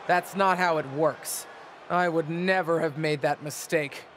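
An actress playing a bitter, proud middle-aged wrestling legend in a video game, delivering a taunting, theatrical wrestling promo. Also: female voice, low-pitched, fairly even intonation, a little slow. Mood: scornful. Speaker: returning wrestler, former champion and manager. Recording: arena ambience noise behind voice.

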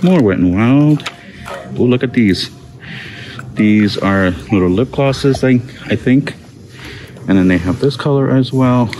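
On a handheld phone camera, a man narrates a casual walkthrough of a large discount store, reading labels aloud for his shopping vlog while store noise carries on around him. His voice is medium-pitched and darkish, lively in intonation, a little slow, and he pauses often.

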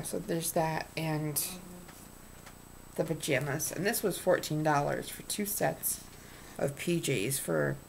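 In a small indoor room, a woman in her thirties chats casually at her desk webcam for a home vlog, showing off her purchases and rambling with ums and restarts. Her voice is low-pitched and gravelly with a darkish tone. The audio is poor, with slight background noise.

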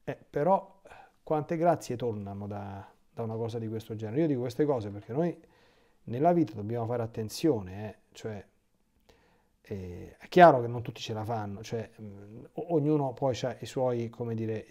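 An Italian man, a priest, giving a catechesis talk. He reads from a text and keeps breaking off into lively spontaneous asides. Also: medium pitch, moderate pace.

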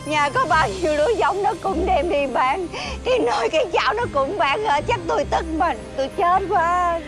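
A shrill scolding mother. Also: expressive, normal speed, over music. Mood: fretting. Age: middle-aged. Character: scolding middle-aged mother, shrill and exasperated. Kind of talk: TV fairy-tale drama acting.

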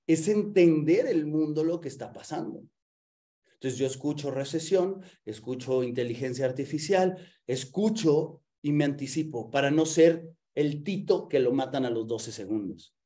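Guy running a live business masterclass, kinda high mellow voice, pumped up, keeps asking the chat stuff and doing sound effects in his stories. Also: moderate pace. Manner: energetic, asks the chat questions, acts out stories with sound effects. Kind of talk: live online masterclass talk.

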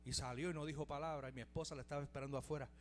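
A man's voice: on the high side, steady tone, rapid-fire, a little hiss or hum. A middle-aged Puerto Rican man preaching a fervent testimony in church, peppering his words with hallelujahs. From Puerto Rico. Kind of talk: evangelical sermon testimony.

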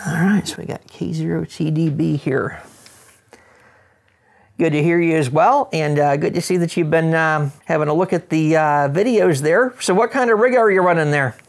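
In an indoor studio against wood paneling, a middle-aged presenter with an American accent methodically runs an instructional demonstration with some casual radio chat; he's a ham radio operator. He speaks at a normal speed in a fairly high, creaky voice.

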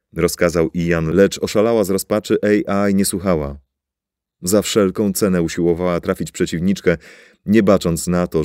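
A man reading a story aloud in a deep, dark voice. His narration is steady and dramatic, and the recording is dry and close. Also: dry recording. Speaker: audiobook narrator. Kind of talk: scripted narration.

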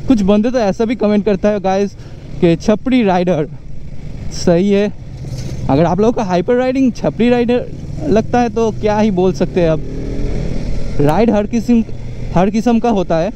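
Young guy motovlogging, high-ish voice, loud traffic and engine noise all around. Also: moderate pace, pauses often. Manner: excited, chatty, keeps calling out to viewers. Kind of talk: casual running commentary while riding. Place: outdoors on busy city roads, riding a motorcycle. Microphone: action camera on the rider.

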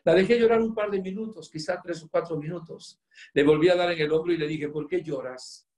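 A man preaching in an earnest, storytelling way, his voice pitched a little high for a man. He swings between loud emphasis and soft, hushed moments. The sound rings with a roomy echo. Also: steady tone, fast. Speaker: priest. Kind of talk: storytelling sermon.

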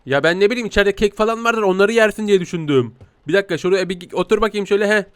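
A man's voice: high-pitched, rapid-fire, fairly bright tone, clear, resonant tone, dry recording. A man giving playful, teasing game commentary as a talking cat, giggling often. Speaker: gaming YouTuber playing a talking cat.

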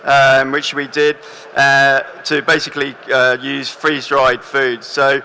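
A young man giving a stage talk to an audience in a large hall, relaxed and full of fillers and restarts. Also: mid-range voice, measured pace, a little hiss or hum. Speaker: presenter.

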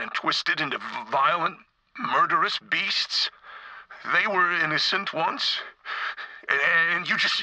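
A man's voice: medium pitch, vocal fry, pushed and bright, a little hiss or hum, full character voice, rough recording. A man voicing a sane, kind-hearted but weary character in a video game, earnest and conversational.

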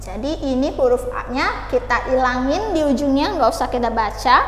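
A young woman teaching English pronunciation to beginners, patiently asking and answering her own questions and modeling words slowly. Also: high voice, animated, a little hiss or hum. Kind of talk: beginner language lesson. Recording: echoey room with long reverb, faint ambience.

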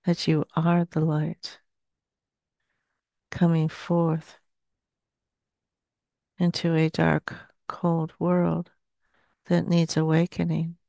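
An older woman in her sixties speaks as a seance medium in trance. Her delivery is solemn and very even in pitch, with long pauses between short phrases. The sound is dry and close on a headset. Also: vocal fry, no echo. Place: small dim indoor room.

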